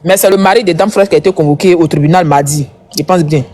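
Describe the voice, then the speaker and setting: A woman's voice: fairly low pitch, fast talker, a little mellow. A woman doing casual live commentary as a gossip streamer, chatty and repetitive, talking straight to her viewers.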